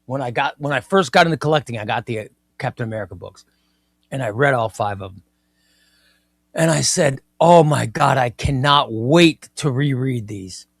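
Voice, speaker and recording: A man's voice: mid-range voice, normal speed, gravelly, breathy edge, no room sound. A man in his fifties hosting a comic book livestream, chatting casually and with enthusiasm, often repeating himself. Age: 50s. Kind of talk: casual livestream chat reading viewer comments.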